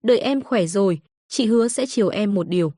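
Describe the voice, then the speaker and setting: A woman voicing a caring young woman who coaxes a sick child gently. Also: mid-range voice, animated, a little fast, slightly rough, no room sound, studio quality. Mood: coaxing. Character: kind young woman, caring older-sister type.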